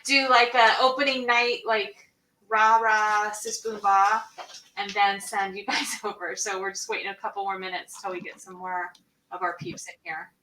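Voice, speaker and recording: A woman's voice: medium pitch, lively intonation, brisk, sharp tone, a little hiss or hum. A woman leading a chatty, encouraging pre-show pep talk for her cast over a video call. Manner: chatty and encouraging, sings snippets. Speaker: theatre director. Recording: echoey room, distant from mic.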